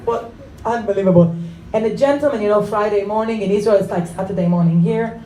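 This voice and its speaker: A woman comedian telling stand-up stories on stage in an animated way, laughing through her punchlines. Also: medium pitch, fairly quick, recorded from a distance. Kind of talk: stand-up storytelling. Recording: echoey room with faint noise.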